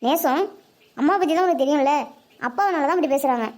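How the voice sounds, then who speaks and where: Someone doing a timid high young niece. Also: quick pace, lightly acted. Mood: pleading. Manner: anxious, pleading.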